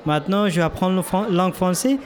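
A man from Afghanistan, answering interview questions in halting learner French, repeating words as he goes. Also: high voice, slight background noise. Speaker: interviewee, former dental student.

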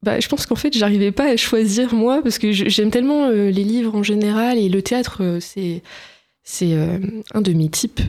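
A woman's voice: mid-range voice, normal speed, darkish tone. Hesitant young woman author. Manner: hesitant, many fillers and restarts. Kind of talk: casual interview answers.

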